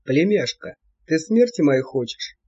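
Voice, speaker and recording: A reader voicing a grumpy old male devil who scolds his niece in a gruff, lowered voice, in a storybook reading. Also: lively intonation, measured pace, warm tone. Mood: scolding. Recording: dull lo-fi audiobook recording.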